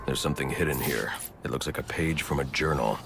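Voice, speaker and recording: An actor playing Batman as a grim, brooding vigilante with a gravelly voice and terse, stern delivery in a video game. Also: a bass voice, a little fast, music in the background. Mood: grim, focused.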